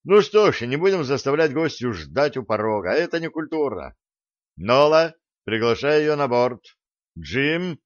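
A man reading an audiobook, voicing a calm, authoritative ship captain in a measured way. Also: medium pitch, dry recording, highs cut off. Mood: firm.

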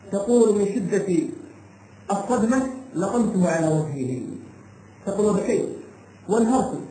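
In a slightly mellow, high-pitched voice, a man tells a cautionary tale during an impassioned sermon, using short emphatic phrases and dramatic repetition. There's an echoey room sound and light background noise.

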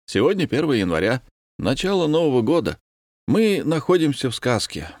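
A man's voice: medium pitch, sing-song, normal speed, a little mellow, dry recording, clean studio sound, voice pushed up. A man voicing a delighted man in his forties. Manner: delighted, boastful. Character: cheerful forty-year-old man reporting his trip.

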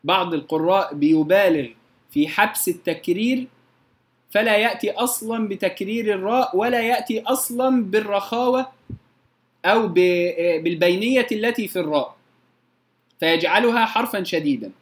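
A man's voice: sits high, moderate pace. A man gives a recitation lesson. He explains patiently and repeats example sounds to show them. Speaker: Quran recitation teacher. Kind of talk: tajweed lesson.

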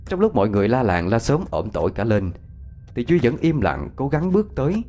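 Animated male ghost story narrator. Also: mid-range voice, fairly quick. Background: faint music.

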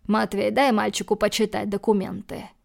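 A woman voicing a cold, menacing male hero who threatens calmly in low, clipped lines, for an audiobook. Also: moderate pace, gravelly. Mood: mocking.

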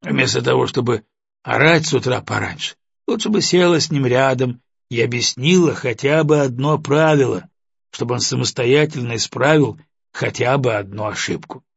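A stern middle-aged father who lectures coldly and sarcastically, voiced by a man reading a storybook. The voice is gravelly and husky at a middle pitch. The recording is dry and dull-sounding. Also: normal speed, no room sound. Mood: dismissive. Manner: cold, accusing.

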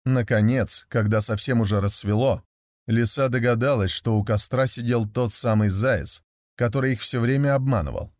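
A man narrating a fairy tale aloud in a steady, measured storytelling voice. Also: mid-range voice, no echo, clean studio sound.

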